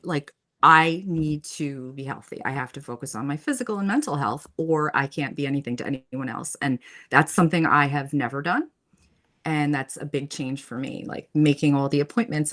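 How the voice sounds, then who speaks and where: A woman's voice: low-pitched, a bit bright. A middle-aged woman guest speaking candidly and earnestly in a casual conversation.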